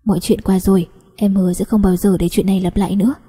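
A woman's voice: medium pitch, flat delivery, quick pace, dark tone, husky, long reverb tail. A woman voicing a protective young cousin who coaxes and scolds tenderly in a story reading. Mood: coaxing.

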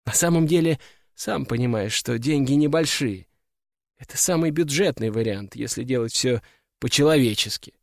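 A man's voice: mid-range voice, moderate pace, gravelly, no room sound, studio quality, natural voice. A man voicing a shrewd young woman who runs a clinic, talking in a practical, coaxing way in an audiobook. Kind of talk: audiobook character voice.

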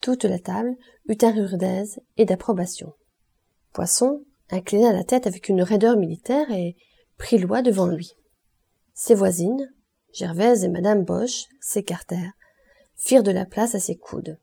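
Husky, dark-voiced woman audiobook reader. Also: mid-range voice, unhurried. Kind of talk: audiobook narration of a classic novel.

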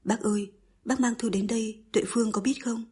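Polite steady young man, read by a woman, calm, guarded, breathy husky voice, storybook. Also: on the high side, a little fast. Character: honest, steady young male carpenter.

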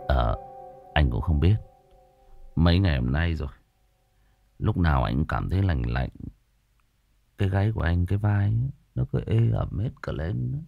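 A worn-out grown son mumbles low and slow, voiced by a male narrator. His speech sounds heavy and fatigued, with a close, dry sound. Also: very animated, vocal fry, dry recording, narrow, tinny audio, soft background music, heavily acted. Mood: weary. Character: weary grown son, cold and aching.

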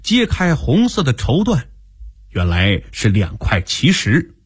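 A male storyteller narrating a radio story in an animated, expressive manner. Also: medium pitch, slow pace, slightly rough, no room sound, studio quality. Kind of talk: dramatic Chinese storytelling narration.

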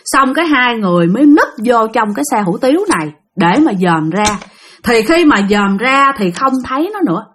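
A woman with a Southern Vietnamese accent tells spooky stories in a casual, chatty way, her voice sitting a bit high. She is animated and speaks right to her listeners, acting out what people said. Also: a little fast, a little hiss or hum. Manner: animated, addresses listeners directly, acts out dialogue. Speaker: storyteller of listener-submitted ghost stories. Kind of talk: casual spoken storytelling.

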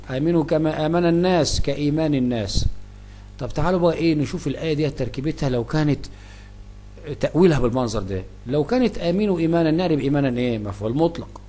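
A man's voice: fairly high pitch, warm tone. A man with an Egyptian accent teaching Arabic grammar, asking himself questions and answering them. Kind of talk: grammar lesson explaining Quran verses.

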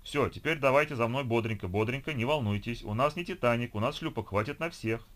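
A man reading an audiobook voices a nervous male ship steward who keeps urging calm. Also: medium pitch, a little fast, close to an everyday voice. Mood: soothing. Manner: reassuring with an anxious edge.

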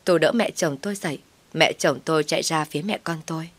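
Woman storyteller, low and steady, first-person drama, dry recording. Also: quick pace, no echo. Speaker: narrator.

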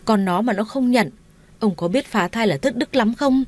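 A woman's voice: on the high side, moderate pace, voice pushed up, natural voice. A woman voicing a meddling, quarrelsome middle-aged stepmother in a read-aloud story, nagging and wailing.

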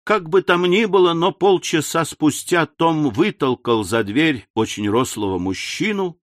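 A man narrating a classic novel as an audiobook, in an unhurried storytelling manner with confiding asides. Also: a little high, lively intonation, no room sound, clean studio sound. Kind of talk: scripted literary narration.

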